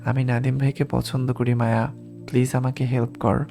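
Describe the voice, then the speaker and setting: A man's voice: mid-range voice, level tone, moderate pace, creaky, mellow, faint music behind, lightly acted. A man voicing a desperate young woman who begs insistently, in an audiobook reading. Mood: pleading. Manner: begging, insistent.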